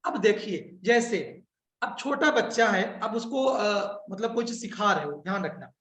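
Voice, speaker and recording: A man's voice: high-pitched, animated, a little slow, fairly bright tone. A male teacher giving an informal classroom lecture, asking his listeners rhetorical questions and then answering them himself. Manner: informal, addresses listeners as brother. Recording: echoey room.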